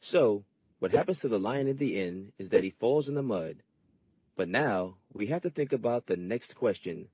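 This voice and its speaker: A man's voice: lowish voice, animated, normal speed, slightly rough, dry recording, dull audio. A man giving patient, scripted narration in an educational reading lesson. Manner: patient, instructive.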